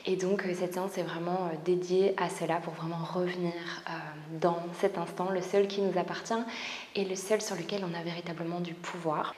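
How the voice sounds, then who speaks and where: A woman with a French accent leads a gentle yoga flow, her low voice calm and often whispered as she counts breaths. The sound is roomy, with a long reverb trailing her words. A faint hiss sits behind her. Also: a little fast. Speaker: yoga teacher and spiritual coach. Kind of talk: guided yoga class instruction.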